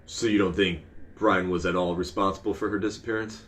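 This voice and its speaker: A man's voice: sits low, steady tone, a little fast, a bit bright. A man playing a probing documentary interviewer, asking questions in a mock documentary. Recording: faint background noise, room ambience.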